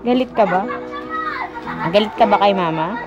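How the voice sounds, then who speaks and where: A woman's voice: medium pitch, normal speed, highs cut off, over music. A mother cooing at her baby in sing-song baby talk, repeating questions and laughing often, recorded at home on a camera. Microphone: handheld camera mic.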